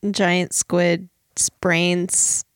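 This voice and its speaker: A woman's voice: lowish voice, monotone, extremely slow, smooth, dry recording. A woman running a tabletop game, chatting casually with dry, teasing humour. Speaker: game master. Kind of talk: casual game-mastering banter.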